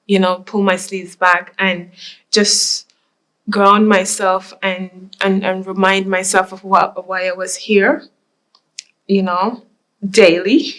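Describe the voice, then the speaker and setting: A woman's voice: medium pitch, fairly bright tone. A woman from Jamaica reflecting on her life in an oral history interview, often saying "you know". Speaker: interviewee, nurse.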